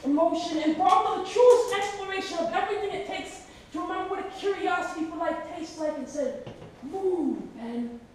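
Performing at a poetry slam, a Canadian-accented woman speaks at normal speed in a very high, slightly mellow voice, her rhythmic and emphatic delivery building in intensity. A camera far at the back of the indoor gallery, where the audience sits, picks her up echoey and distant, with a little hiss or hum.

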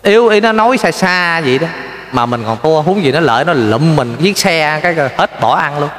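Man, folksy Buddhist sermon, somewhat high voice, roomy long echo. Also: fairly quick. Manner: animated storytelling, addresses listeners directly, rhetorical questions. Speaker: lay Buddhist preacher.

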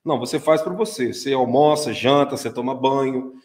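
A man's voice: medium pitch, brisk, darkish tone, echoey room. A man with a Brazilian Portuguese accent preaching a livestreamed sermon, emphatic, repeating lines and firing questions at his viewers. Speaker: pastor.

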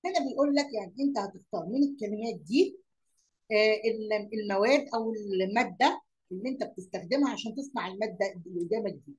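A woman's voice: mid-range voice, quick pace, rough recording. A woman with an Egyptian Arabic accent teaching young pupils. She repeats words, asks questions aloud and mixes English lesson words into her Arabic explanations.

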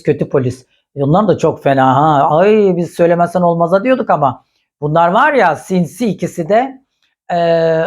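A woman's voice: lowish voice, darkish tone. Brief: woman gossip host, blunt and scolding, casual commentary.

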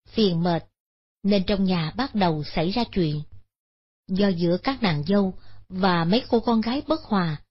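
A woman, narrating a Buddhist moral story in a measured, solemn way. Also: mid-range voice, husky. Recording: dull lo-fi sound.

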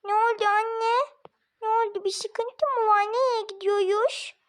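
A woman's voice: very high-pitched, steady tone, unhurried. A woman voicing a frightened little girl of about three in a homemade family drama, pleading in a small whiny voice. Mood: worried.

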